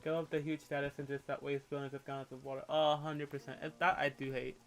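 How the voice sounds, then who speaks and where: A young Puerto Rican man rants and chats on a livestream, candid and opinionated, swearing casually. His creaky voice sits at medium pitch with little pitch movement, and faint music plays in the background.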